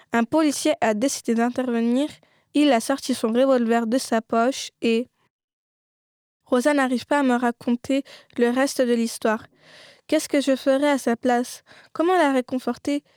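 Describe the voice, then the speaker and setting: Caring friend, read by a woman, high voice, dry close sound. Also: smooth, no room sound, close to an everyday voice. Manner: gentle, comforting. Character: caring friend, gentle and worried.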